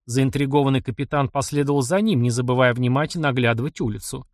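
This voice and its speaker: A man reading a novel aloud as the audiobook narrator, with an expressive reading style. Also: medium pitch, quick pace, dry recording, clean studio sound. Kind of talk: scripted narration.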